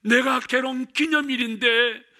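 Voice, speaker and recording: A man playing an upset middle-aged woman church deacon, complaining loudly. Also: very high-pitched, fairly even intonation, unhurried, pitched above the performer's own voice, full character voice. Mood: fuming. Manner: loud, agitated complaining.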